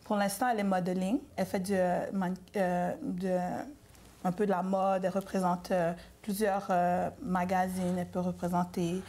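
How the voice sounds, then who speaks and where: A woman's voice: fairly low pitch, little pitch movement, moderate pace, dark tone. A woman, a guest mother in a casual interview, speaking earnestly and hesitating often. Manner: earnest, hesitant with many euh.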